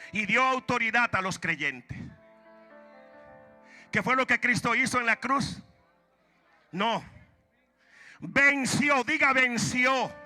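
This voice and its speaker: A man preaching a sermon in a church, calling out to the congregation and shouting key lines. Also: very high-pitched. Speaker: pastor. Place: church sanctuary.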